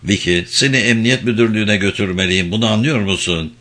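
A man voicing a calm woman police officer who asks steady, firm questions. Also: on the low side, a little fast.

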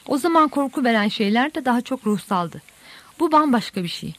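A woman reading the part of a thoughtful man musing calmly on history, his lines in her own fairly high, dry voice. it sounds like plain audiobook reading rather than a character voice. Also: fairly quick, dry recording. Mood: reflective.

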